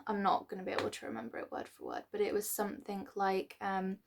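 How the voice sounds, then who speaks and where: A woman giving a casual, rambling tarot reading to a star sign, with many fillers and restarts and now and then clearing her throat. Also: mid-range voice, level tone, quick pace. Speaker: tarot reader.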